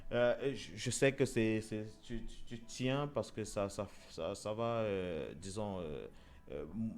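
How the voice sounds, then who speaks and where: A man's voice: lowish voice, slow pace, darkish tone. A man hosting a casual discussion show, talking with frequent fillers, repeated words and restarts. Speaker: show host.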